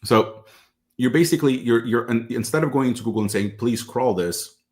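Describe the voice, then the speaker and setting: A man's voice: mid-range voice, brisk, darkish tone. A man hosting an interview show over a video call, casually recapping his guest's points with plenty of fillers. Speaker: podcast host.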